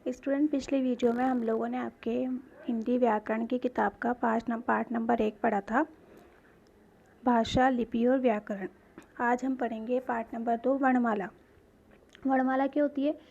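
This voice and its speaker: A woman's voice: fairly high pitch, fairly even intonation, normal speed, creaky, darkish tone, slightly rough, lo-fi sound. A woman teaching a grade-school grammar lesson, asking questions and answering them herself, spelling out sounds one by one.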